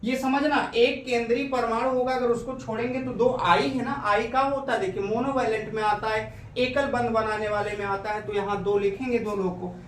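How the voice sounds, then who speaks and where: A man's voice: very high-pitched, fairly even intonation, moderate pace, a little hiss or hum. A male chemistry teacher coaxing his pupils through a lesson, asking questions and answering them himself. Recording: echoey room, recorded from a distance.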